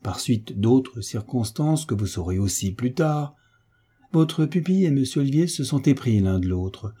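A man voicing a calm, patient hunchbacked marquis in an audiobook, explaining things soothingly. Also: medium pitch, normal speed, breathy edge.

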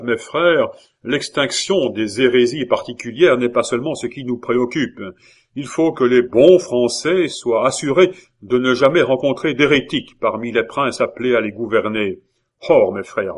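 A man's voice: medium pitch, normal speed, lightly acted. A man playing a fiery zealot innkeeper orator. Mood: impassioned. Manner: impassioned, rousing speechmaking. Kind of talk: audiobook character reading.

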